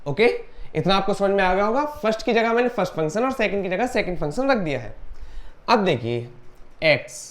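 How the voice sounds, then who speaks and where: A woman teaching a maths lesson step by step. She explains patiently, mixes English maths terms into her sentences and reads formulas aloud slowly, word by word. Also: mid-range voice, lively intonation.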